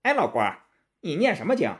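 A man voicing a cocky, loyal monkey king hero in a raised, lively storybook voice. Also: fairly quick. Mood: scornful. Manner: brash and excitable, high-pitched.

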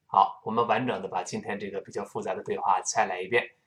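A man teaching English pronunciation in a recorded lesson, slowly demonstrating sounds and repeating words over and over. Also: lowish voice, steady tone, fairly bright tone.

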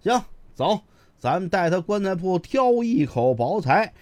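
A man's voice: high-pitched, big pitch swings, unhurried, a little mellow, no room sound, pitched above the performer's own voice. A male storyteller voicing a joking, easygoing prince who gives orders breezily. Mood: breezy commanding. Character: jovial, easygoing old Beijing prince.

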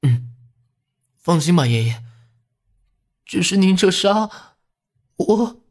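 A man voicing a young woman, an old man's granddaughter, who speaks in a shrill, reproachful way. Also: unhurried, mellow, slightly rough. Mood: tearful.

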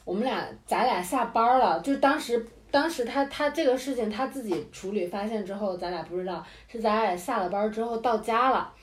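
A woman chimes in on a casual chat, and her sentences often trail off softly. She is recorded in a room with noticeable echo. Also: on the high side, fairly quick, hardly any pauses. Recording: echoey room.

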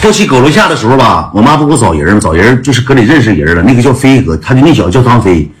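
A man's voice: medium pitch, very animated, rapid-fire. A man telling a story to his listeners in a blunt, slangy way, laughing as he goes. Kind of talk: casual storytelling to an audience. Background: music.

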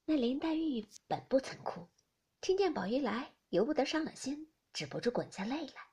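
A woman narrates a classic novel in a husky, breathy voice. Her pitch moves a lot, and she is fairly high for a woman. She often sinks to a near whisper. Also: very animated, normal speed, darkish tone. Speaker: audiobook reader.

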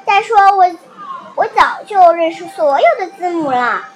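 A woman voicing a cross little girl bear cub who shouts indignantly in a storybook reading. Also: high-pitched, fast talker, reverberant, noisy background, pitched below the performer's own voice, close to an everyday voice.

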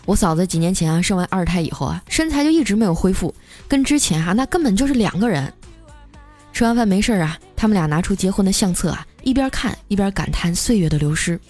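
A young woman host telling a comic story in a chatty way, stretching her sentences with drawn-out particles. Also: mid-range voice, expressive, darkish tone. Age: young adult. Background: faint background music.

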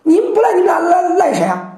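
A woman's voice: sits high, big pitch swings, fast talker, warm tone, voice pushed up. A woman voicing an indignant old male sage who scolds his students, pounding the table. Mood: scolding. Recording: roomy echo.

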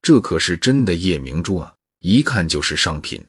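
A man's voice: low voice, big pitch swings, moderate pace, breathy edge, no room sound, clean studio sound, heavily acted. A man voicing a shrewd, scheming shopkeeper. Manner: plain storyteller's voice with little change. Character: shrewd, scheming middle-aged male shopkeeper.

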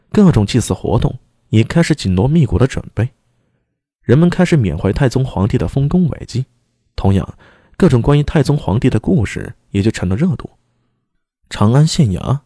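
A man narrating a serialized novel as an audiobook in a steady, measured way. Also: mid-range voice, no echo, studio quality. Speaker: storyteller.

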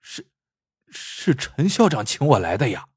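A man's voice: medium pitch, big pitch swings, moderate pace, husky, dry recording, studio quality. A man voicing a humble, flustered middle-aged male popcorn vendor who stammers and hesitates. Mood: anxious.

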